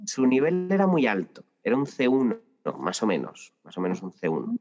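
A man's voice: medium pitch, huge pitch swings, fairly quick, a little mellow. A man explaining his language-teaching experience in a podcast interview, thoughtful and full of anecdotes with many restarts. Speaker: Spanish teacher guest. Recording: lo-fi with long reverb.

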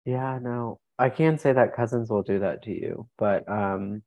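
A man co-hosting a podcast in a studio, mostly tossing in short, dry quips. His talk is relaxed banter with his co-host. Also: mid-range voice, unhurried, no room sound. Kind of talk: casual podcast chat.

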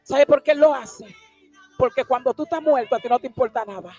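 A woman preaching a passionate sermon, emphatic and sometimes shouting. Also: high-pitched, a little fast, soft background music. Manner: impassioned, emphatic, at times shouting.

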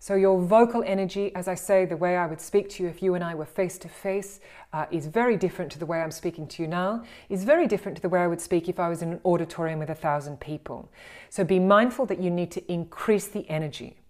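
A woman with an Australian accent, teaching voice and speaking skills in an animated, encouraging way and acting out the exercises she describes. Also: fairly low pitch, fast talker. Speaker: voice and communication coach. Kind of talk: instructional talk on speaking skills.

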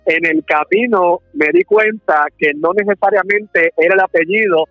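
A man's voice: high voice, normal speed, no echo, soft background music. A Puerto Rican man in his thirties, a preacher calling in by phone, telling stories in a friendly way and laughing often. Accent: Puerto Rican Spanish. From Puerto Rico. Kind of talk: phone interview testimony. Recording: muffled phone line, dry.

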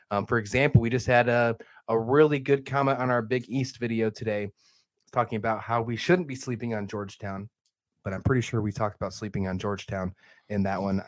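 Sick hoarse guy hosting a sports podcast, upbeat plugs, dry close mic. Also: on the low side, no echo. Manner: upbeat, promotional. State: hoarse from illness. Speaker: podcast host. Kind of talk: podcast sign-off and promotion.

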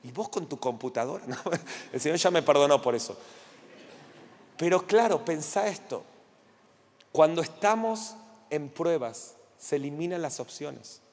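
A middle-aged Argentine pastor with a Rioplatense accent, preaching passionately and acting out stories. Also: male voice, a little high, expressive, unhurried, long pauses. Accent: Rioplatense Spanish. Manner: passionate, acts out voices in stories. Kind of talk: sermon with personal anecdotes. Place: church hall. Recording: church hall with long reverb.

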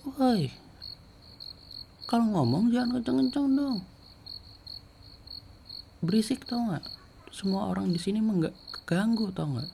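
A furious young woman, usually soft-spoken, now shouts and scolds in a shrill, sharp voice, put on by a male storyteller. It sounds like a schoolgirl snapping at noisy seniors in a spoken ghost story. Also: expressive, measured pace, creaky, long pauses.

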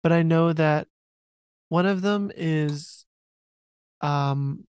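A woman's voice: deep voice, extremely slow, darkish tone, clean tone, dry recording. A young woman co-hosting a music podcast in casual chat, dry and blunt, tired and yawning. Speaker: podcast co-host.

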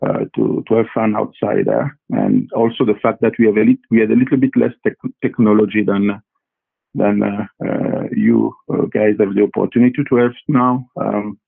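A low, gravelly man who grew up in Congo talks through his answers, stumbling over repeats and fillers. His husky voice comes through a thin, phone-like line. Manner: halting, many fillers and repeated words. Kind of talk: casual interview answers.

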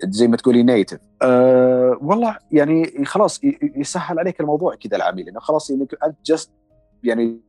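A male voice-over artist chatting in an interview, talking fast with many fillers and restarts. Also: mid-range voice, big pitch swings, dark tone, dry recording, faint music behind. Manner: quick, hesitant, many fillers. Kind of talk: casual interview chat.

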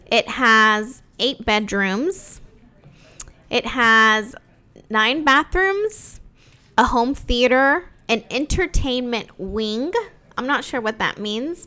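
A woman's voice: a little high, pushed and bright. A woman co-hosting a real estate news show, chatting casually in a bubbly, emphatic way. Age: adult mother. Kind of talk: casual chat.

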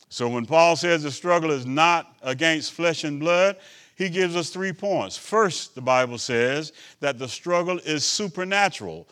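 A male bishop preaching a sermon, asking "Amen?" of the congregation, swinging between loud emphatic lines and quiet asides. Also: medium pitch. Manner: preaching with call-and-response asides.

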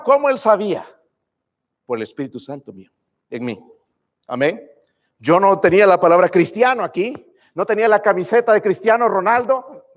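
A male preacher giving a fervent sermon, calling out to the congregation and asking them to say amen. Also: high-pitched. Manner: fervent, calls out to the congregation with "hermanos" and "amén". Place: church sanctuary. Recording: long reverb of a church hall.

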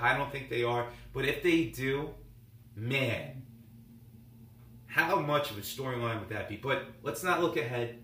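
A man's voice: medium pitch, a bit bright. A man hosting a sports talk show, rambling through game recaps in a conversational, mildly sarcastic way. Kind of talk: casual sports commentary monologue. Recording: roomy echo, voice somewhat far from the mic.

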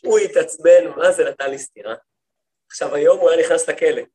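A rabbi teaching a class for women, a man telling stories in a lively way and often turning to his listeners with questions. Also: fairly high pitch, crowd noise. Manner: lively storytelling, acts out quoted speech; talks to the listeners, asks them questions. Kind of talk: lecture to a women's study group.

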